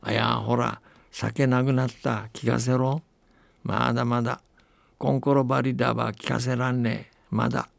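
A man's voice: mid-range voice, flat delivery, moderate pace, creaky, no echo. A man doing a stubborn simple-minded son. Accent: Akita dialect.

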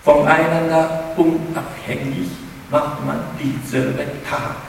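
A man's voice: fairly high pitch, flat delivery, slow pace, gravelly, slight background noise. A man giving a spoken lecture, hesitant and often restarting his words. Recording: echoey hall, mic far off.

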